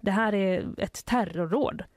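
A woman reporter chats through a news story in a loose, agreeable way, sometimes pausing to find a word. Her pitch is mid-range and the sound is close and dry, with no room echo. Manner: chatty, searches for words, agreeable. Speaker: newspaper reporter and co-host. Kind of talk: casual news chat.

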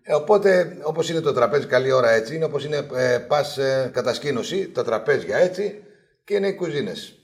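Brief: sportswriter guest, mid-pitched voice, spins animated yarns and acts out quotes. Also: male voice. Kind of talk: casual storytelling interview.

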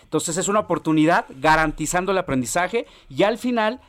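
A man pitching language courses on a radio show, salesy and upbeat, hammering his selling points again and again. His voice sits a touch high for a man. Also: animated, a little fast, fairly bright tone. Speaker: language school director. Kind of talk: promotional radio interview.

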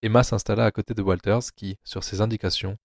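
A man narrating an audio drama adaptation of a novel in a low, steady storytelling voice. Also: fast talker, vocal fry, no room sound, studio quality.

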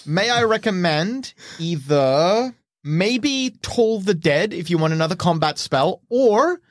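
A man's voice: sits high, expressive, slow, no room sound, clean studio sound. A man running a tabletop game in casual chat, explaining rules and helpfully suggesting options as game master.

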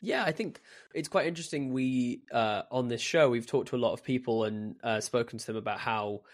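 A podcast host conducts a casual interview, asking long, rambling questions packed with fillers. His voice is mid-range and brisk.

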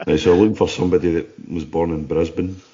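A man with a very deep voice chats casually on a football panel. The recording is a little dull and lo-fi. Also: fairly even intonation, fast talker, dark tone, a little hiss or hum. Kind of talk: casual chat. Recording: dull lo-fi audio.

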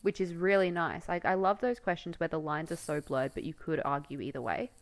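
A woman's voice: sits low, steady tone, a little fast. A young woman co-hosting a podcast in casual chat, gushing and effusive with frequent fillers. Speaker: podcast co-host.

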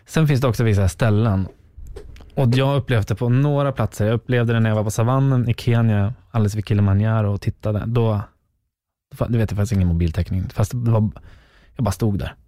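A man's voice: fairly low pitch, steady tone, warm tone, no room sound, clean studio sound. A man who works in radio, a podcast guest, talking reflectively and repeating words for emphasis. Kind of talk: casual podcast chat.

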